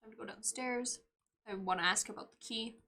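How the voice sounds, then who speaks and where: Bright, playful young woman streamer. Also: fairly high pitch, a little fast. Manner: playful, bursts into loud exclamations and giggles. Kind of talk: live game commentary.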